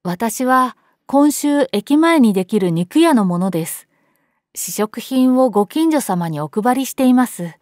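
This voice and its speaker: A woman voicing a cheerful young male butcher's salesman with brisk, polite patter in an acted story. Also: a little high, animated, darkish tone, dry recording, studio quality, pitched above the performer's own voice.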